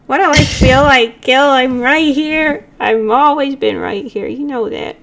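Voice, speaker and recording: Woman playing a soft-spoken pumpkin spirit. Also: sits high, unhurried, voice pushed up. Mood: gentle. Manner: soft, apologetic, reassuring. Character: gentle male pumpkin spirit patron, caring. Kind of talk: tabletop role-play.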